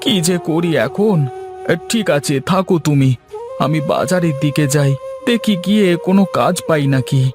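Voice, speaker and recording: A man's voice: a little high, lively intonation, moderate pace, close to an everyday voice. A man playing a worried poor village father. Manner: pleading, anxious. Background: faint music.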